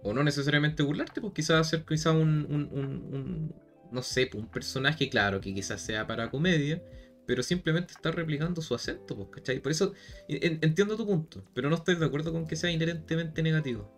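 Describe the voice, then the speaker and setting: A man's voice: fairly high pitch, fairly quick, faint music behind. A man with a Chilean Spanish accent in a casual debate, who keeps stressing his point and repeating himself.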